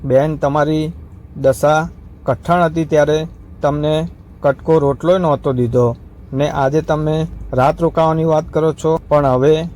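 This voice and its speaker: Here is a humbled king from a devotional folk tale who speaks firmly and reproachfully, as a man reading the story gives him voice. The voice is mellow and a little high for a man. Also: steady tone, measured pace, long pauses, a little hiss or hum, lightly acted. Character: humbled exiled king, stern and proud.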